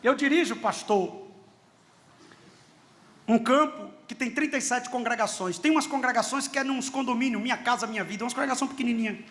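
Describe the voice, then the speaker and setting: High, bright-voiced Brazilian preacher man. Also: fairly quick. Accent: Brazilian Portuguese. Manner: animated, shouting at peaks, storytelling with dialogue. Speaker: pastor. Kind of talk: sermon.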